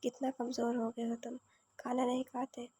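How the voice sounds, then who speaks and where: A woman reading the part of a doting but sharp-tongued middle-aged mother in a novel read aloud, with a flat, even delivery. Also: a little high, normal speed, breathy edge.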